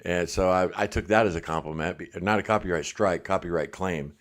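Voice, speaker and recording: A middle-aged man with a low voice talks briskly while hosting a casual livestream, chatting and reading comments. He sounds a little congested, with a blocked ear, and stays relaxed and chatty, laughing often.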